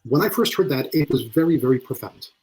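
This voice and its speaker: A man's voice: medium pitch, expressive, a little fast, a little mellow, slightly rough, low-quality recording. A man speaking as a leadership coach and speaker in an online webinar, earnest in manner and often repeating words as he starts a phrase. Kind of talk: webinar talk. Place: video call.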